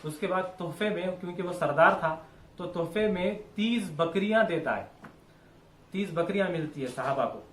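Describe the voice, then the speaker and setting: Man, religious teacher; patient repetitive explainer, fairly high pitch, roomy echo. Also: animated, moderate pace, a bit bright, slight background noise. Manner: explains step by step, repeats and rephrases. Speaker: Quran teacher. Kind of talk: religious lesson. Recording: echoey room with faint ambience.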